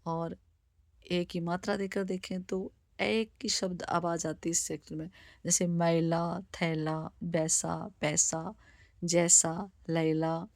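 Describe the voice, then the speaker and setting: Slow, even-toned woman teaching letters. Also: fairly low pitch, vocal fry, no room sound, studio quality. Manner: slow, deliberate word-by-word reading. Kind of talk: slow spoken Hindi alphabet lesson.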